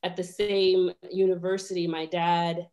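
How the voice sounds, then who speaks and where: A woman near thirty, born in Rwanda, talks casually as a podcast guest. Her voice sits a bit low, and she fills pauses with ums and laughs easily. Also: flat delivery, dark tone. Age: 20s. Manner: chatty, many fillers, laughs easily. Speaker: guest lawyer.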